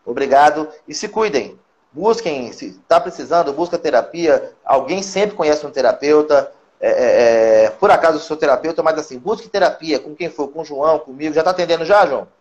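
Animated Brazilian man, high-pitched. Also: brisk, lo-fi sound. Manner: animated, coaching, acts out quotes. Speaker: guest psychoanalyst and musician. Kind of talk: casual live-stream interview.

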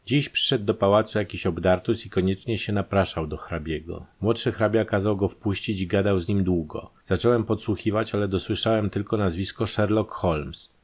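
A man's voice: fairly low pitch, normal speed, hardly any pauses, natural voice. A man voicing a hot-tempered, greedy male butler in an audiobook, speaking sharply and angrily. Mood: urgent. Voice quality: angry, sharp.

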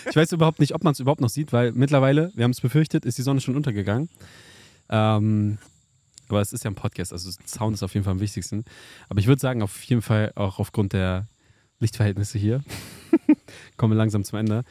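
Laid-back podcast host, dark voice. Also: male voice, on the low side, fairly even intonation, fast talker, dry recording. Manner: laid-back, agreeable, slangy. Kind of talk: casual chat. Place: outdoors at dusk.

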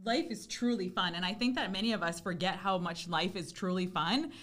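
A woman's voice: fairly low pitch, fairly quick, a bit bright. A woman hosting a podcast interview, bubbly and effusive, laughing often as she talks. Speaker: podcast host.

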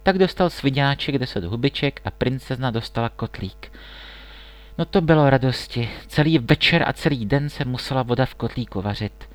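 A man narrating a classic fairy tale in a calm, steady storybook reading. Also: mid-range voice.

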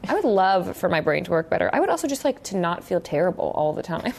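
A woman's voice: on the low side, very animated, quick pace, vocal fry, a little mellow. A young woman hosting a casual podcast interview, chatty and full of "like" fillers. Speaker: podcast host.

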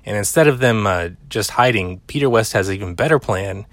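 A man talks through a movie scene by scene in a loose, rambling way, dropping fillers and the occasional swear word. His voice sits a little low, and the sound is dry and close, with no room around it. It comes across as an easygoing film recap. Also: expressive, brisk, no echo. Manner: rambling, chatty, with frequent "uh" fillers and casual swearing. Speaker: film commentator. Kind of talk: casual film recap commentary.

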